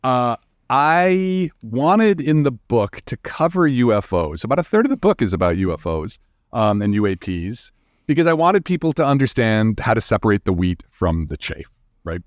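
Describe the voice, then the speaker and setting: A scientist who also writes books is interviewed on a podcast, his mid-range voice sing-song. He explains emphatically and casually, stumbling into restarts and peppering in "you know" and "right?". The sound is clean studio audio with no room sound.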